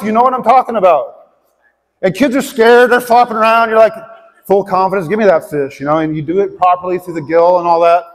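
A middle-aged man preaching a conversational sermon to a congregation in a large church auditorium, asking them direct questions. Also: high voice. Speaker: pastor. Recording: long hall reverb.

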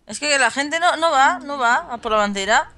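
Woman, Spain Spanish accent, casual gaming chatter, very lively pitch, frustrated outbursts. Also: moderate pace, heavy background noise. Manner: animated, frustrated outbursts, swears. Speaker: co-player.

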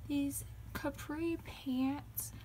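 Her voice sits high, steady and warm, and she speaks very slowly; the audio is poor with a little hiss or hum. The young vlogger chats casually in a small bedroom, her phone camera at arm's length and on a dresser, rambling and filling gaps with "like".

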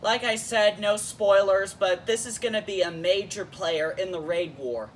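A man's voice: high voice, unhurried, distant mic, slight background noise. A man hosting a casual YouTube episode review in a jokey, playful way. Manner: jokey, playful, switches into silly voices.

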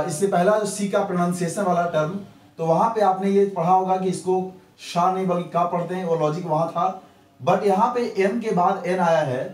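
A man's voice: a little high, a little mellow. Hindi-speaking man teaching English pronunciation. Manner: repeats rules slowly, asks and answers own questions. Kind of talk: Hindi grammar lesson. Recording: echoey room, distant mic.

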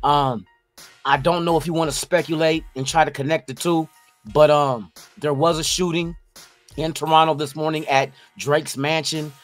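Higher-pitched man hosting a casual reaction podcast. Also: steady tone, moderate pace. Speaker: podcast host. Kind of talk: casual reaction commentary to camera. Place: indoor home studio. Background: music.

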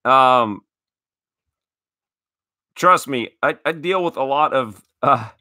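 A man in his thirties hosts a casual card-opening chat, gushing with thanks and tripping over his words as he restarts sentences. His voice is bright and forward. The sound is dry and close, with no room echo. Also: mid-range voice, lively intonation, slow pace. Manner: enthusiastic, grateful, stammering restarts. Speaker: card collecting show host.

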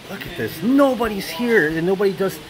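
A man filming a walking tour vlog on a phone outdoors, excited and exclaiming often. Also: sits high, fairly quick, crowd noise, poor audio. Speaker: travel vlogger. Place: outdoors at ruins by a waterfall.

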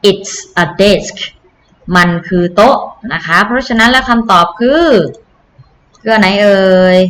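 A woman's voice: on the high side, normal speed, a bit bright, a little hiss or hum. A woman teacher giving an online English lesson to children, explaining patiently and repeating key phrases. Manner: patient, repetitive explaining with polite particles.

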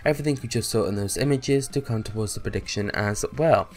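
A young man hosting a gaming channel, talking casually in a hoarse voice while sick, upbeat and full of repeated catchphrases. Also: on the low side, fast talker, darkish tone. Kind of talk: casual video commentary.

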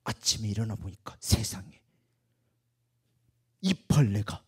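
A woman telling a Bible story to children, animated and expressive, leading them to repeat after her. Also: very deep voice, unhurried, slightly rough. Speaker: children's teacher.

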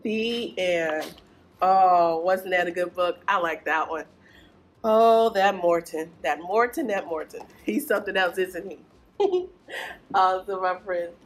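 Soft music plays in the background as a young librarian leads preschool storytime in a small indoor children's library corner. She speaks slowly in a lowish voice, singsong and encouraging toward the small children.

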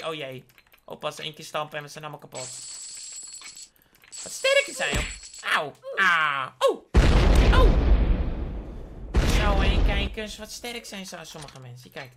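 Excitable woman gamer squealing on. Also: moderate pace, background noise. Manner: excitable, with sudden high squealing outbursts. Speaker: gaming YouTuber. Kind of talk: playful game commentary. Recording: clear keyboard typing and clicks.

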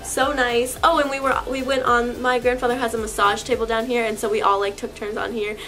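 A teen girl's travel vlog, shot on an arm's-length camera in a beach house kitchen, finds her chatting upbeat with plenty of "super" and "so cute." Yet her fairly high, bright voice is delivered flat and a little fast, over pop music on a rough recording.

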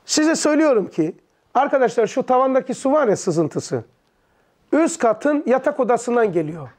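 A man teaching a religious text to a small group, asking quick questions, answering them himself and explaining terms in plain words. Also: extremely high pitch, sing-song, a little mellow. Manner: leans back in an armchair while teaching.

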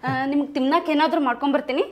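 A woman with a North Karnataka accent, playing a wife who pleads with quick questions in a comedy sketch. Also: sits high, steady tone, lo-fi sound. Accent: North Karnataka Kannada.

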